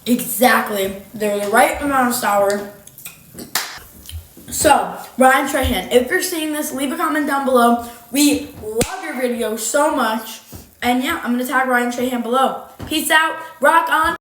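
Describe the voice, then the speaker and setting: A woman's voice: on the high side, measured pace. A woman hosting a casual, chatty candy taste test, chewing noisily as she talks. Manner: chewing noisily while talking. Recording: roomy echo, clear background noise, clicks.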